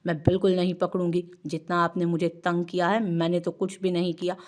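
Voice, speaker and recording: Woman doing a coy pouty young wife, playful and sulky, lowish voice, storybook read. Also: fairly even intonation, normal speed, natural voice. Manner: coquettish, pouting.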